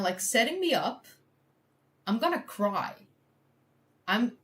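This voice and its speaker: A woman's voice: fairly high pitch, a bit bright. A woman from the Netherlands, a native Dutch speaker, chatting on a live stream while she works through a history quiz. She thinks aloud, laughs often and pokes fun at herself. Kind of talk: casual live-stream chat.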